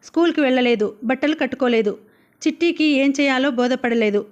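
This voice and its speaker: A woman narrates a novel for an audiobook. Her voice sits high and her telling is steady and expressive. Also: brisk, lo-fi sound. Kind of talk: novel reading.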